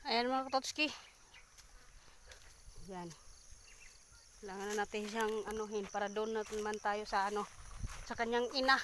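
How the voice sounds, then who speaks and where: A woman's voice: medium pitch, steady tone, normal speed, pauses often, fairly bright tone, slight background noise. A woman casually vlogging outdoors in the countryside, chatting straight to her viewers and out of breath from walking. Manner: chatty, addressing viewers directly. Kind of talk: casual outdoor vlog narration. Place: rural outdoors.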